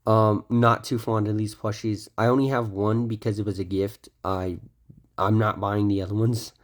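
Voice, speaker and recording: With a fairly low voice, flat delivery, and moderate pace, a young man shows off his toy collection in a casual ramble. He sounds a bit blocked up from a cold and frequently ums and corrects himself.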